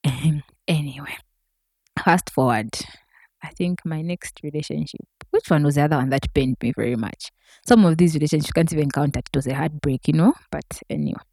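A woman tells a story in a casual, chatty way. She talks straight to her viewers. Her voice sits low, and the recording is close and dry. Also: a little fast, vocal fry, no echo. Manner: chatty, addresses viewers directly, animated. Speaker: vlogger.

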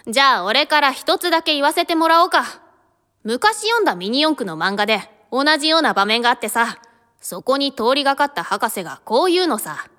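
A woman voicing a tough, boyish big-sister mentor in a radio drama, with a gruff, swaggering manner. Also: sits high, sing-song, pushed and bright, in a large hall, full character voice. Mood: advising. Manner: gruff, swaggering, drawn-out pronouncements.

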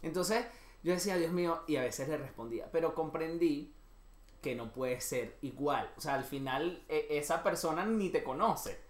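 A man's voice: on the high side, moderate pace. A man, a comedian, telling self-mocking stories in a casual chat. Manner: storytelling, self-mocking and expressive. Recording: echoey room with faint background hum.

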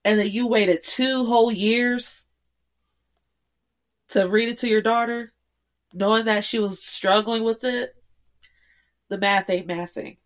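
A woman's voice: a little high, fairly even intonation, slow, pauses often. A woman in a casual film discussion, talking in slang with lots of hesitant restarts.

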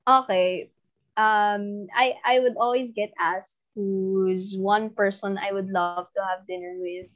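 A woman's voice: medium pitch, slow, dull audio. A Filipino woman, a news anchor, chatting casually as a podcast guest, giggling often and making fun of herself as a geek. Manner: giggly, self-deprecating, animated. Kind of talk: casual podcast chat mixing English and Tagalog.

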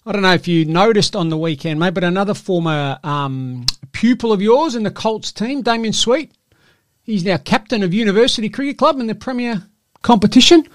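A man's voice: high-pitched, lively intonation, a little fast, dry recording, clean studio sound. An Australian man hosting a podcast in a casual, matey and teasing way, chatting about sport. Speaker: podcast host.

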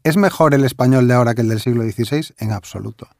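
A man with a Galician accent, a language expert guest, explaining word usage in a relaxed, playful conversational way. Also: medium pitch, fast, vocal fry, dry recording, studio quality. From Galicia, Spain. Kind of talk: conversational interview.

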